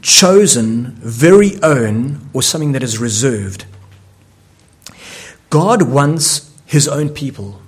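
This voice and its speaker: A man preaching a sermon, earnest, often restarting words as he builds each point. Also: medium pitch. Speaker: pastor.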